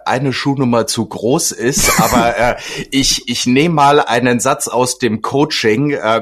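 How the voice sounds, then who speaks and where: Man, husky voice, guest coach, casual podcast talk, thoughtful explainer, lots of fillers. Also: mid-range voice.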